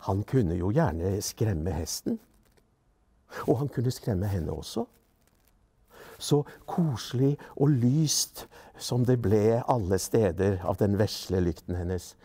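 Man reading a kids book out loud, gentle and measured, warm mellow voice. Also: fairly low pitch, animated, slightly rough. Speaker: actor reading a children's book. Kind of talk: storybook reading aloud.

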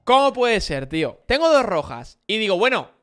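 A young man commentating his own kart race, joking and swinging mumbled asides to loud yelps. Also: high-pitched, big pitch swings, normal speed, soft background music. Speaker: gaming streamer. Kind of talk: excited live gameplay commentary.

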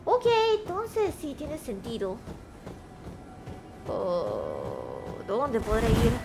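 A woman streaming casually, excitable and quick to shriek when startled, slipping into Japanese and English phrases. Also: on the high side, creaky, over music. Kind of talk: casual live-stream chat.

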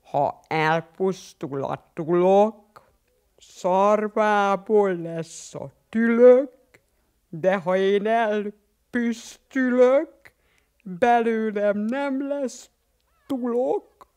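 A woman voicing a solemn, pompous male fairy-tale dignitary who recites a verse slowly in a children's audiobook. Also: mid-range voice, darkish tone, smooth, lightly acted. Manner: slow, measured verse recital.

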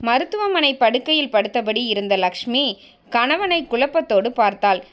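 A woman narrates a story in a calm, even storytelling manner. Her voice sits slightly high, and she keeps the characters' lines close to her own voice. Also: normal speed.

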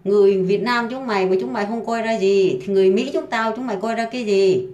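This woman is ranting at full anger, coarse and profane, driving her insults home through repetition. Her pitch sits in the middle of the usual range. The room around her gives the voice a noticeable echo. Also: quick pace, darkish tone. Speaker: housemaid ranting online. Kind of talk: angry profane rant. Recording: roomy echo.

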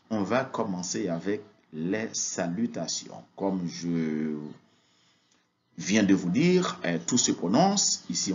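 A very deep-voiced man teaches a language lesson at an unhurried pace. He hesitates often and repeats words for practice. The recording sounds dull and lo-fi. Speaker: Spanish teacher.

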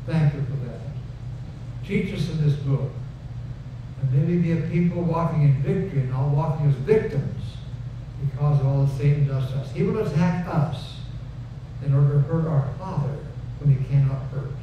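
Preaching at a moderate pace in a slightly high voice, the older pastor keeps things folksy and conversational, repeats phrases for emphasis, then leads the congregation in prayer. Recorded indoors on a wood-paneled stage via a pulpit headset mic, the sound is reverberant, distant, dull and noisy.

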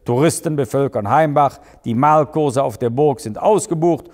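A man's voice: mid-range voice, normal speed, a little mellow, in a large hall, pitched above the performer's own voice, close to an everyday voice. A man voicing a stern, pushy male district administrator who gives orders and lectures. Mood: commanding. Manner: commanding, lecturing.

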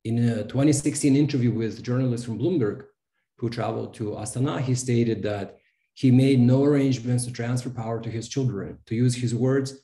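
A man in his thirties from Kazakhstan, speaking like a professor: fluent, measured and prepared. His voice is mellow and dark. The video call picks up a roomy echo. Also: mid-range voice. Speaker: panelist, sociology professor. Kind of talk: prepared panel talk.

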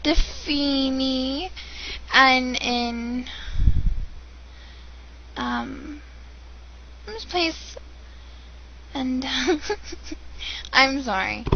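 Her high voice swings widely in pitch as she talks extremely slowly, leaving long pauses. She's a young American adult vlogging casually on a webcam, rambling with lots of ums and sounding bored yet giggly. The built-in webcam mic in a dim room gives dull lo-fi audio and faint hiss.

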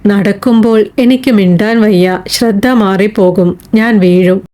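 A woman reading an audiobook voices a quiet, self-reliant blind woman weaver who answers in short, plain replies. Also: mid-range voice, unhurried, close to an everyday voice.

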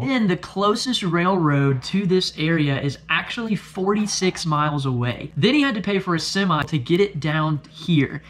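A man's voice: fairly high pitch, fairly bright tone. A young man narrating a casual travel vlog tour with upbeat enthusiasm. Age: young adult. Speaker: travel vlogger. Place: indoor hangar and outdoor field. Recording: roomy echo with faint music.

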